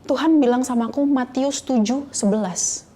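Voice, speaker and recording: Earnest woman with a mellow voice. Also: high-pitched, moderate pace. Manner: earnest storytelling, slips into English phrases. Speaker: guest sharing a faith testimony. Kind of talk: conversational interview testimony.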